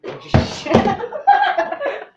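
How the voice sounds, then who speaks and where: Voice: very high-pitched, wildly swooping pitch, drawn-out words. A young vlogger with a goofy, teasing manner who laughs a lot, chatting casually in a home kitchen. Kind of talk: casual joking chat. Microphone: camera mic across the room. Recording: echoey, distant, muffled and noisy.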